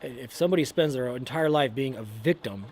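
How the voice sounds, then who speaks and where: Animated young man in casual talk. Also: mid-range voice, brisk. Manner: animated, acts out quotes, says man and dude a lot. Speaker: podcast co-host. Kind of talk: casual faith and motivation chat.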